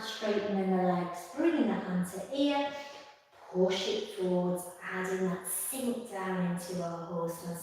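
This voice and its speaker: A woman leading a tai chi class with serene, calm, encouraging cues and gentle guided exercise instruction. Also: fairly low pitch. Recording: very echoey hall, distant from mic.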